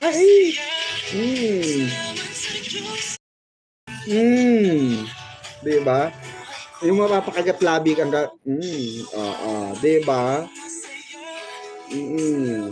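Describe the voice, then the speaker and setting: A man's voice: fairly high pitch, animated, drawn-out words, pauses often, over music. A man hosting a fan channel, chatting about showbiz in a gossipy, teasing way and laughing often. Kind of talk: casual showbiz commentary.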